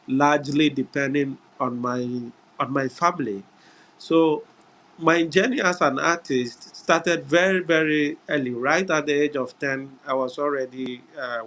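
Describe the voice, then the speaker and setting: A middle-aged Ghanaian man with a Ghanaian English accent gives a webinar talk as a guest speaker over a video call, in a mid-range, fairly bright voice. He is unhurried, repeats words and often pauses on "uh" and "yeah".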